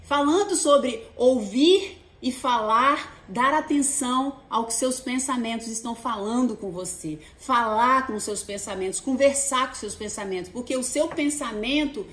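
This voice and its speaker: High-voiced, chatty Brazilian woman. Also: a little slow, few pauses. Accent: Brazilian Portuguese. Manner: chatty, animated, addresses viewers as "gente". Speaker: host. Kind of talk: casual advice talk to camera. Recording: echoey room.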